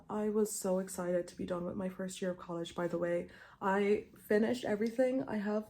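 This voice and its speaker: A warm, mid-range female voice belongs to a beauty vlogger in her twenties, chatting casually through a makeup tutorial. She rambles informally and leans on the filler "like" a lot. A tongue piercing clicks faintly against her teeth as she talks.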